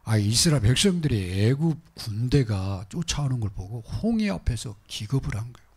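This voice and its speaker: A man preaching a sermon as pastor, moving between loud exhortation and hushed asides. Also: mid-range voice, sing-song, moderate pace, husky.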